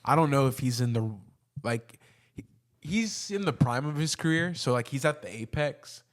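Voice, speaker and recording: A man chats casually about sports as a podcast host. His delivery is conversational and full of slang, with a medium-pitched voice. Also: expressive, moderate pace.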